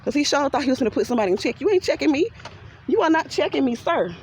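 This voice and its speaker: A woman's voice: high-pitched, big pitch swings, racing, a little mellow, a little hiss or hum. A woman with a Southern US accent, venting animatedly to her followers in a walking vlog, laughing often and talking straight to the viewers. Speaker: vlogger. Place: outdoors walking by a pond.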